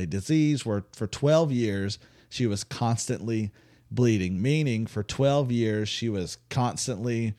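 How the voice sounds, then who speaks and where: Lowish-voiced man retelling a Bible story. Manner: animated storyteller, acts out voices with humor. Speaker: co-host of a faith podcast.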